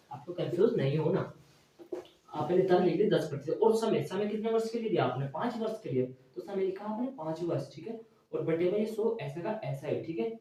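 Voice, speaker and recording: A male math teacher lecturing in a classroom style, asking his students questions and answering them himself, often checking with a quick "okay". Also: sits high, warm tone. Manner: repeats "theek hai" as a check. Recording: very echoey room, mic far away.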